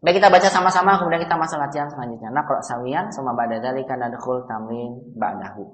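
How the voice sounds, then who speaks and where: A man's voice: medium pitch, fast talker. A man teaching an Arabic grammar class, patiently drilling students with questions and having them answer back. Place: mosque hall. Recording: roomy hall with long reverb.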